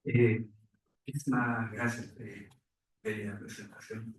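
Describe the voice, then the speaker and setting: A man's voice: lowish voice, level tone, slow pace. A man moderating a conference panel who speaks hesitantly, with many fillers. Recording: echoey hall, voice far from mic.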